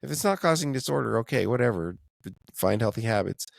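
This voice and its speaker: A man's voice: mid-range voice, lively intonation, a little fast, vocal fry, dry recording, clean studio sound. A man co-hosting a casual faith podcast, talking in a thoughtful, hedging way and laughing often. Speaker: podcast co-host.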